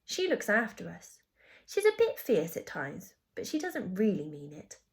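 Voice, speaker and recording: A kind young girl from a storybook, friendly and reassuring, as a woman reads her part. Her voice moves in a lively, expressive way. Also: medium pitch, unhurried. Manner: warm and reassuring.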